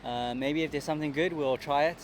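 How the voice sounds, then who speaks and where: Guy vlogging a city walk, short plain lines, kinda high voice, traffic all around. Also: a little fast. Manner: brief, matter-of-fact, few words. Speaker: travel vlogger. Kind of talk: casual travel vlog narration. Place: outdoors in a city.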